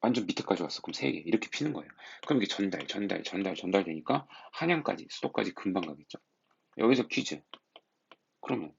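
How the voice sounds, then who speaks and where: A male teacher lectures in a low, gravelly voice with a husky edge, his pitch rising and falling as he explains. He keeps turning to the class with rhetorical questions. The recording sounds dull and lo-fi. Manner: explains patiently, poses rhetorical questions to students. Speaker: high school history teacher.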